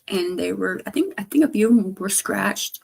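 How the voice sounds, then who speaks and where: A woman livestreamer chatting casually in a halting, rambling way, her speech slightly slurred by missing front teeth. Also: mid-range voice, expressive, vocal fry, darkish tone, breathy edge. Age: adult, grown past teens. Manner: halting, trailing off with repeated stammered starts.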